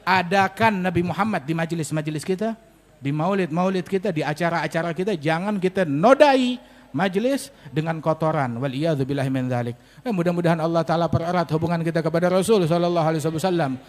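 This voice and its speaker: A male preacher, giving a sermon and telling stories with lively acted-out dialogue. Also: fairly high pitch, fast talker. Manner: storytelling, acts out dialogue with rising emphasis. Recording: long hall reverb.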